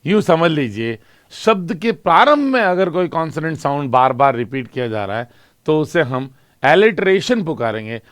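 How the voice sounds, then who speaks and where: A man teaching an English exam class, asking questions and answering them himself and reading example lines slowly. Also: fairly high pitch, sing-song, a bit bright, dry recording, studio quality. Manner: explains in Hindi with English terms, asks and answers own questions. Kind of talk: classroom lecture.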